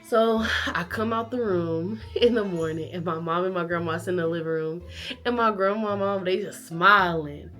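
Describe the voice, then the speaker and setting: A woman vlogger casually telling a childhood story to camera, animated and acting out family members' lines. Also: on the low side, normal speed, soft background music.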